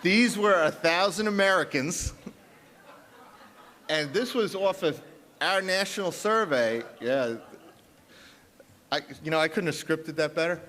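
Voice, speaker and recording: A man's voice: on the high side, animated, a little slow, pauses often, bright, forceful tone, a little hiss or hum. New York man presenting polls, echoey hall. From New York, South Bronx. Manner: emphatic, punchy, with frequent restarts. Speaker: pollster on a conference panel. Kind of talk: panel presentation of poll numbers. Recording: long reverb of a large conference hall.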